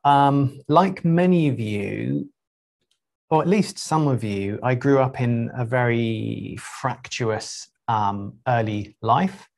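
A middle-aged man with an ordinary, mid-range voice gives a reflective talk to a group as a spiritual teacher. He moves unhurriedly, leaving pauses and frequent 'um's between his thoughts. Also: medium pitch, gravelly.

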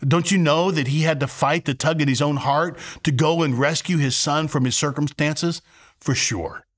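Speaking at a normal speed in a somewhat high, slightly bright voice, this man in his sixties teaches to camera as a pastor, indoors in a furnished living room. His delivery is emphatic, full of rhetorical questions and acted-out illustrations.

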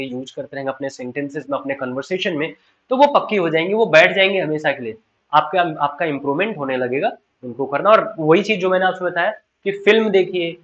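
An Indian man teaches a spoken English lesson in an earnest, encouraging tone, driving each tip home by repeating it. His voice sits a touch higher than most men's. The recording sounds slightly dull and lo-fi. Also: a bit bright. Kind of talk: online class lecture mixing Hindi and English.

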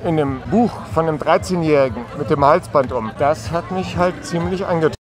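A man's voice: fairly high pitch, normal speed, music in the background. A man rambling through a long explanation with fillers, outdoors at a street parade. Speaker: interviewee. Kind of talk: casual answers on the street.

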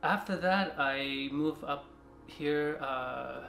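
An artist from China gives a reflective interview indoors in his studio, speaking softly and haltingly with frequent restarts. His voice is gravelly and fairly high-pitched, and the roomy studio sound has music behind it.

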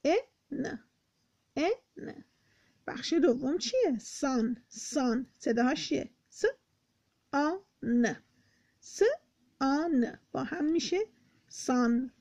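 High-voiced teacher sounding out words. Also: female voice, a little mellow. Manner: slow sound-by-sound spelling of words. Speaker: Persian teacher. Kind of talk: beginner reading lesson. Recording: dull lo-fi recording.

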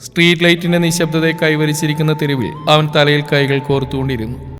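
A man's voice: a little high, a little fast. Man narrating a story over music. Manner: steady, emotional storytelling. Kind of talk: scripted novel narration. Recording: reverb with background music.

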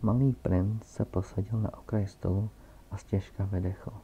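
A man reading a storybook aloud in a calm, steady way, captured on a dull, lo-fi recording. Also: fairly low pitch, a little hiss or hum. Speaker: reader.

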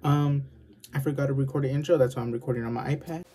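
A woman's voice: rumbling low, steady tone, quick pace, background noise. Blunt, swearing young woman vlogging. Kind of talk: casual vlog chat. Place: bedroom at home.

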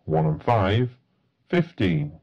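A man's voice: lowish voice, very animated, takes it slowly, a little mellow, muffled recording. A man working as a bingo caller, announcing numbers in set phrases with a matter-of-fact delivery.

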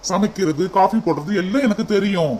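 A man's voice: high voice, quick pace, darkish tone, a little hiss or hum, lightly acted. A man voicing a doting young cartoon husband who is affectionate and teasing, with a Tirunelveli Tamil accent. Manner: affectionate, reassuring.

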